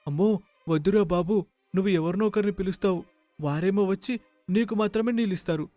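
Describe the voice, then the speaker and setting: A man's voice: high voice, fairly quick, dark tone, no echo, soft background music, pitched above the performer's own voice, close to an everyday voice. A man voicing a timid little village boy who is afraid of being chased off, in a cartoon story. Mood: fearful. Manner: fearful, pleading.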